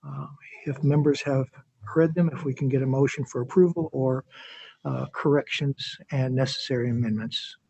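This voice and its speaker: Guy chairing a board meeting, measured and procedural, mellow husky voice. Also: medium pitch, fairly even intonation, dry recording, low-quality recording.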